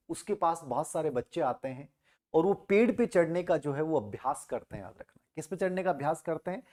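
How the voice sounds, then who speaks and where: A teacher and motivational speaker tells a moral story with emphasis, repeating phrases and posing rhetorical questions. His voice is on the high side and a little mellow.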